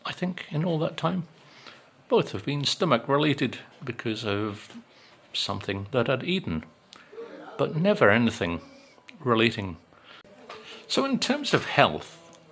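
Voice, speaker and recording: Man in his sixties, casual vlog chat, unhurried, lowish pitch, rambling and wry. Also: fairly bright tone. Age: 60s. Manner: rambling and wry, with many ums. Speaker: vlogger.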